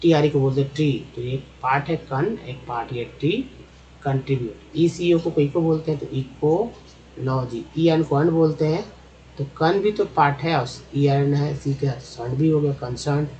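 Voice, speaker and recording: A man's voice: fairly high pitch, moderate pace, dark tone, lo-fi sound. A man teaches English spelling and pronunciation from slides, drilling each sound several times and calling his viewers friends.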